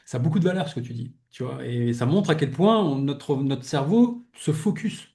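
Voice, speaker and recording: A young adult man hosts a casual heartfelt conversation, his voice mellow and warm at a middling pitch. He muses out loud in a loose, rambling way, circling back and restarting his thoughts. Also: animated, normal speed. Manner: reflective, rambling, fills with "tu vois". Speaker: podcast host interviewing a guest.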